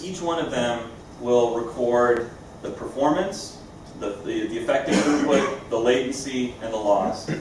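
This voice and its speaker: A man giving an informal, explanatory live product demo as a company presenter. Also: medium pitch. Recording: echoey room, distant mic, clear background noise.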